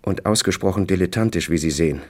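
A man reading the lines of a composed, reserved grown woman in an audiobook, barely shifting his own deep voice. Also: fast talker. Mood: polite.

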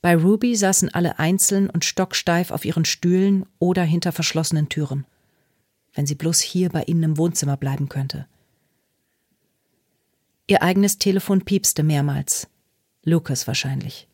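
A woman narrating a novel in a calm, measured way. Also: lowish voice, no echo, studio quality. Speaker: audiobook narrator. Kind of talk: scripted narration.

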